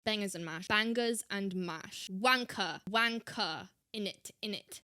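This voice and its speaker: An American woman hosting a reaction show puts on an exaggerated fake British accent, giving theatrical, playful commentary and repeating phrases for emphasis. Her mid-range voice is a little slow with a sharp tone, recorded dry and clean in a studio.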